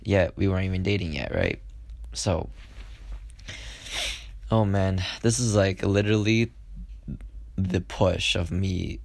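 A man's voice: deep voice, expressive, slow, creaky, pauses often, dry recording. A young man casually telling a personal story on a podcast, rambling with lots of fillers and acting out what people said. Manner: rambling, with many fillers and acted-out quotes.

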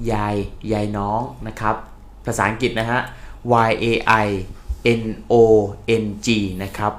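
A man co-hosting a casual live-streamed talk show in Thai, chatting and reading out sponsor details. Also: fairly low pitch. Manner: friendly, reads out sponsor details slowly. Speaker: co-host of a live podcast.

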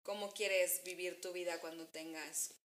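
A young woman with a Mexican accent chatting casually, telling stories and acting out quotes with sudden jumps in pitch. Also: unhurried, reverberant. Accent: Mexican Spanish. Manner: animated storytelling, acts out quotes with jumps in pitch. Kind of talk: casual chat.

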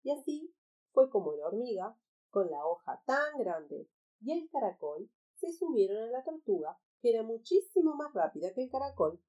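A woman reading a children's story aloud in an expressive, animated storytelling manner. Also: on the high side, normal speed.

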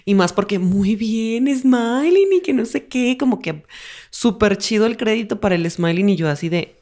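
A woman's voice: mid-range voice, fairly quick, a little mellow. A woman, co-hosting a casual podcast and telling stories playfully. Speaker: podcast co-host. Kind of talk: casual chat.

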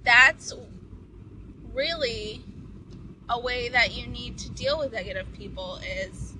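A woman with a bright, fairly high voice talks through motivational advice in an earnest, casual way. She speaks from inside a car, with a faint hum of the vehicle behind her. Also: wildly swooping pitch, slow, creaky, poor audio. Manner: earnest, advice-giving, loose with fillers. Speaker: vlogger.

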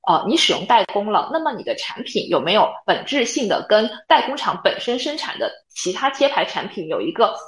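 A woman's voice: medium pitch, big pitch swings, a little fast, hardly any pauses, a bit bright, echoey room, low-quality recording. A woman co-hosting a podcast, explaining her views point by point in a casual analytical chat. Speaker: podcast co-host.

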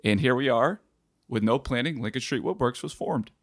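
A man's voice: medium pitch, moderate pace, no room sound. A man who is a woodworker, a guest on a podcast, telling stories with dry, wry humor. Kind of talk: casual interview chat.

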